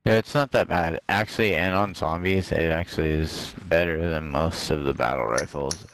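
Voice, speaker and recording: Deep laid-back man streaming. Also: normal speed, fairly bright tone, no room sound. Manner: laid-back, says dude and bro. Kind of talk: casual gaming chat.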